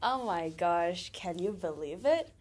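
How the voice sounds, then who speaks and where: A woman's voice: lowish voice, lively intonation, slow pace. A young woman from Thailand co-hosting a casual podcast, chatty and laughing often, with many fillers. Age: young adult. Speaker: podcast co-host.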